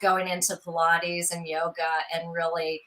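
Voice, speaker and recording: A woman's voice: on the low side, little pitch movement, moderate pace, fairly bright tone, rough recording. A middle-aged woman hosting an interview, affirming and encouraging her guest. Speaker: host. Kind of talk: casual interview chat.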